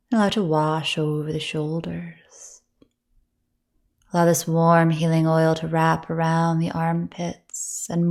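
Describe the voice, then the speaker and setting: Speaking at a low pitch, a woman who teaches yoga nidra guides listeners through meditation with soft, soothing, breathy gentleness, pausing at length between phrases.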